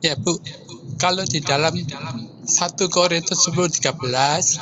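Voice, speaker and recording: Man on a call that keeps breaking up. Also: fairly high pitch. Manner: polite, hesitant. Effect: choppy call audio breaking up. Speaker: caller. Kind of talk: asking a Bible question on a live call. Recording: noisy, dull phone-call line.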